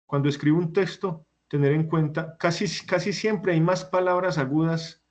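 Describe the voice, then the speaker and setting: A man's voice: a little high, steady tone, normal speed, darkish tone. A man teaching a class who explains step by step and puts questions to his students. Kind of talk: online class lecture.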